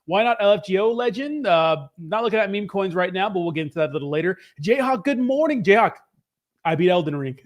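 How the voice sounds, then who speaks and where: A male live stream host with a notably high voice that sounds a little hoarse. He chats casually and upbeat, mixing market news with slangy, informal greetings to his viewers. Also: expressive, fast talker, dull audio. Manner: upbeat, informal hype with slangy shout-outs. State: slightly hoarse voice.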